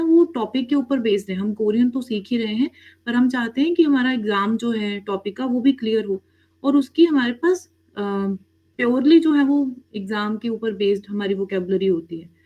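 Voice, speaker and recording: Woman teaching Korean, dull audio. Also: on the high side. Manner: addresses students as "beta", frequent "theek hai?" checks; mixes English words into explanations. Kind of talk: online class lesson.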